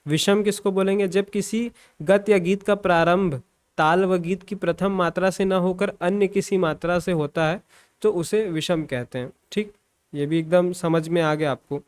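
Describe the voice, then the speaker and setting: A man's voice: high-pitched, moderate pace. Man teaching in a raised voice. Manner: explains step by step, often checking in and repeating points. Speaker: music teacher. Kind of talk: exam-prep lecture.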